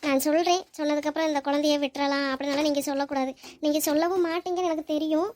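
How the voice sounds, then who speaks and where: A woman's voice: high-pitched, fairly even intonation, racing, a little mellow, natural voice. A woman voicing a young woman who took in a crying baby, fretful and pleading as she talks to herself. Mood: earnest. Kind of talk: cartoon voice acting.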